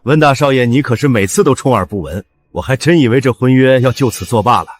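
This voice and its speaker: A man's voice: medium pitch, fast talker, lightly acted. An actor playing a family man who questions in a mocking, probing way. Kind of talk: short drama acting.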